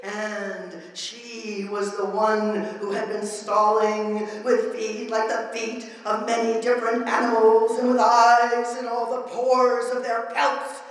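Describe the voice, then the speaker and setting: In a big, reverberant hall, a performance poet gives a dramatic spoken-word recital, her voice set far back from the microphone. Her pitch is a little high and her delivery flat yet theatrical and declamatory, stretching phrases slowly and chanting them like an incantation with strong emphasis.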